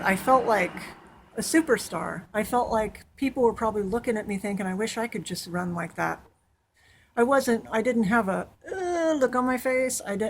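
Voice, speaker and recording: Young woman rambling upbeat on a vlog, soft hum behind her. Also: on the high side. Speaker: vlogger. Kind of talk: casual chat.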